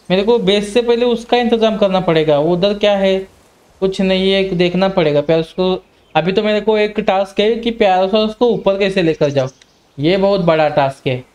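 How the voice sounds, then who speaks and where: A young man hosting a gaming channel, giving casual gameplay commentary and breaking into panicked yelps when attacked. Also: sits high. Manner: excited, yelps in sudden panic.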